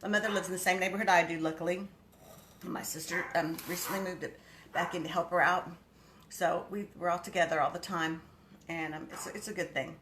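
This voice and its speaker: Speaking fairly quickly with fairly even intonation, a woman from Texas uses a fairly low-pitched, fairly bright voice with a Texan accent. She hosts a casual live cooking stream in her home kitchen, chatting with viewers by name, over slight background noise.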